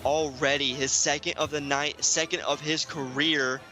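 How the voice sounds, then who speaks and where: A man doing play-by-play commentary for an online football game, keeping his voice hushed and excited, climbing high and loud on big plays. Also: normal speed, faint music behind, low-quality recording. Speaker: play-by-play announcer. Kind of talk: sports commentary. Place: home room, streaming.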